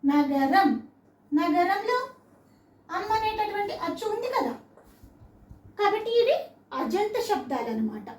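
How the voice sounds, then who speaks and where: In a classroom-style lesson for children, a woman patiently spells words out syllable by syllable and asks the listener questions. Her very high voice is animated, with a measured pace and long pauses. The mic sits far off, giving a roomy echo plus a little hiss or hum.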